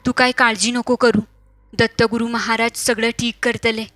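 A woman as a calm coaxing village healer. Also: a little high, moderate pace, no echo, close to an everyday voice. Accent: Malvani.

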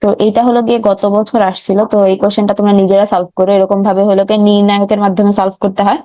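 A woman's voice: mid-range voice, level tone, racing, warm tone, no room sound. Young woman tutoring, dull mic. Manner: talks through steps on a board, frequent self-corrections and fillers. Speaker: teacher. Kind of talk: online recap lecture. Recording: slightly dull dry mic recording.

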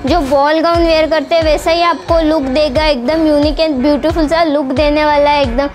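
A young woman presents outfits in an indoor shop with a green wall, speaking at a normal pace over music in a high-pitched voice with fairly even intonation. Her product showcase is an upbeat, repetitive sales pitch, recorded on a lapel mic.

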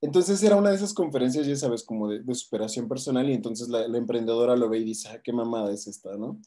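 A man's voice: medium pitch, quick pace, dark tone. A man with a Mexican accent, a coach casually retelling a book, rambling and tagging his sentences with questions. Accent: Mexican Spanish. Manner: rambling, tags lines with "¿no?".

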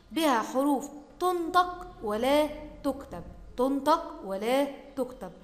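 High-pitched Egyptian teacher in an echoey room. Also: female voice. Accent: Egyptian Arabic. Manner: slow, stretched repetition of words for pupils, then quick asides. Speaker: primary school teacher. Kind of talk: recorded Arabic grammar lesson. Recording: echoey room with long reverb.

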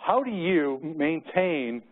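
This keynote speaker is a middle-aged American man sharing personal anecdotes at a conference, set in a room with windows. He talks slowly in a fairly high, sing-song voice. Everything comes through muffled and narrow-band, as if over a phone.

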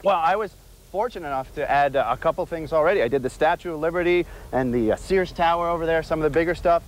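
A man's voice: on the high side, quick pace, low-quality recording. A young man interviewed live outdoors, friendly and plain-spoken. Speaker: Lego builder, interview guest. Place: outdoors on a park lawn. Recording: faint outdoor background noise.

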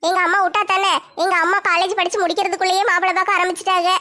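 A woman voicing a fretful young village woman in a comic skit, with a squeaky, pitched-up voice. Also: little pitch movement. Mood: worried. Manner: rapid, bright, squeaky high voice. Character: young village woman, upset, fretting over marriage.

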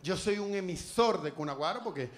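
A man's voice: sits high, expressive, fairly quick. A man with a Venezuelan Spanish accent doing a live stand-up set on a comedy club stage, crude, profane and teasing the crowd.

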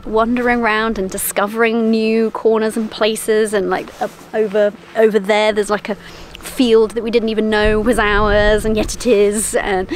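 A woman's voice: medium pitch, level tone, moderate pace, hardly any pauses, slight background noise, poor audio. A woman in her thirties, from the UK, chatting cheerfully to a handheld camera outdoors in open countryside and laughing often. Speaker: vlogger. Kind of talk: casual chat to camera. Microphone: handheld camera close to face.

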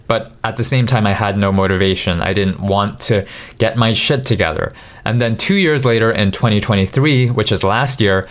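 A vlogger in his thirties, his voice fairly low, delivers a candid confessional monologue in a dim small bedroom at night. He's frank, conversational and self-deprecating, speaking into a studio mic on a boom in front of him.

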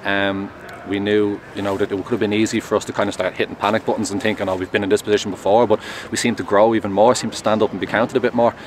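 A young man, a goalkeeper, answering post-match questions in a measured, earnest way, outdoors at a stadium at night on a close mic. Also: lowish voice, level tone. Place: outdoors at a stadium, in front of a sponsor board at night. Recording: outdoor traffic noise.

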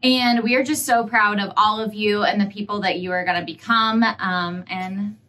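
A woman's voice: medium pitch, steady tone, moderate pace, pushed and bright. A young woman on the school staff, hosting a celebratory video message indoors and talking eagerly with many fillers. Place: indoor school room, seated side by side.

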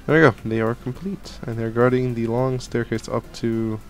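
Soft music plays behind a young gaming channel host who is catching a cold as he rambles through casual Minecraft let's play commentary at normal speed. His medium-pitched voice has a flat delivery, and his talk from the home gaming room is full of fillers and restarts. He uses a headset and a studio mic at his desk.

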